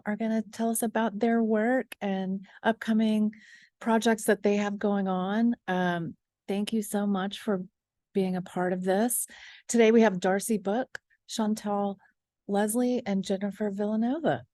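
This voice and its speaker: Female host opening a virtual art event, friendly and brisk, dry close sound over a video call. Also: mid-range voice, fairly even intonation, darkish tone, no room sound. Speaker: gallery program host. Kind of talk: welcoming introduction at a virtual event. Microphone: computer mic on a video call.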